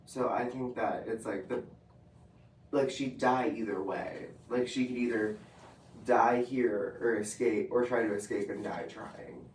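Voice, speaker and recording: A man's voice: mid-range voice, steady tone, measured pace. Give me a hesitant man answering in a student book discussion, recorded from a distance in an echoey room. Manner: hesitant, many fillers and restarts. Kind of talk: casual class book discussion. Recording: echoey room, far from the mic, noisy.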